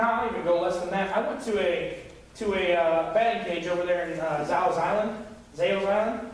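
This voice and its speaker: Young guy youth pastor preaching, kinda high voice, echoey church from far off, chatty and jokey. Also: a little hiss or hum. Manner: conversational, joking, acts out quoted voices. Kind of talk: sermon. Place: church sanctuary.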